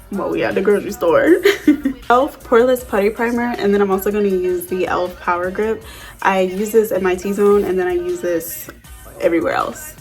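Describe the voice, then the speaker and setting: A young woman chatting casually through a makeup tutorial, telling animated stories in slang with plenty of swearing. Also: mid-range voice. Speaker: beauty vlogger.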